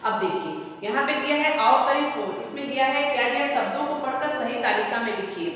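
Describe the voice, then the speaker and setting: A woman's voice: sits high, fairly quick, fairly bright tone. A woman teacher giving a Hindi grammar lesson to young pupils. She asks questions and then answers them herself, drawing out the sounds. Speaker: primary school teacher. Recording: echoey room heard from a distance.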